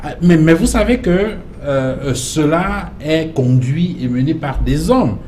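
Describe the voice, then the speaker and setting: A man's voice: on the high side, animated, slow, darkish tone, slight background noise. A man hosting a televised panel debate, asking long winding questions with frequent hesitations. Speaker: TV debate host. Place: TV studio.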